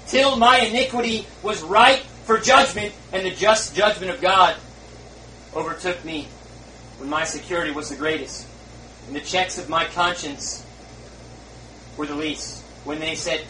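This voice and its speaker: A man's voice: high voice, bright, forceful tone, a little hiss or hum. A man voicing a dying, despairing man who rues his unbelief, in anguished rising cries. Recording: roomy, far from the mic.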